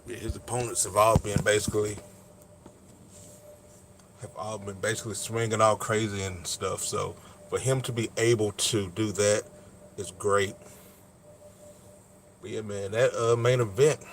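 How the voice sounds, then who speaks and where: A man's voice: lowish voice, little pitch movement, a little slow, pauses often. A man talking casually and emphatically in slangy speech, reacting to fights like a sports vlogger. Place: at his workplace. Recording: clear background ambient noise.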